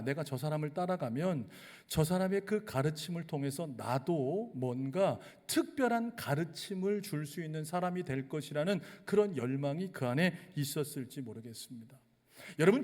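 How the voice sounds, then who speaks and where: A man's voice: on the high side, darkish tone. A male pastor from delivering a sermon to his congregation and leading them through call-and-response readings. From Chungcheong region, South Korea. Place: church sanctuary. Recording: long church hall reverb.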